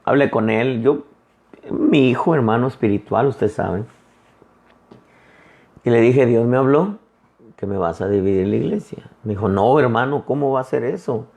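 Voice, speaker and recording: Gravelly-voiced man preaching a sermon. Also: medium pitch, normal speed, pauses often, highs cut off. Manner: conversational preaching, addresses listeners as brother; retells dialogues in lively quoted voices. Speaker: pastor.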